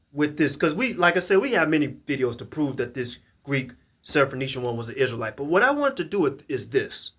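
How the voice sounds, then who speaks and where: A Bible teacher with a fairly bright, higher-pitched man's voice delivers a scripture lesson to a camera. He reads verses aloud emphatically, often repeating and restarting his words.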